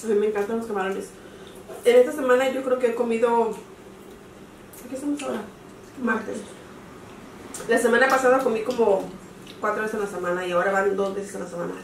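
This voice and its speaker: A woman's voice: fairly high pitch, fairly even intonation, a little fast, long pauses. A middle-aged woman chatting casually in Spanish while eating, often with her mouth full. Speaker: host of a family mukbang video. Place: home kitchen table, indoors. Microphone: camera across the table. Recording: roomy, distant, noisy with sizzling food.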